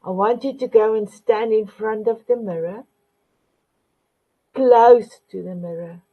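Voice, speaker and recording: A woman speaks slowly and deliberately as a talk show host, offering motivational encouragement. She repeats endearments and sometimes searches for an English word. Her voice comes through a narrow, phone-like line. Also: mid-range voice, steady tone. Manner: warm, repetitive terms of endearment, searching for English words. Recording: phone-line quality audio.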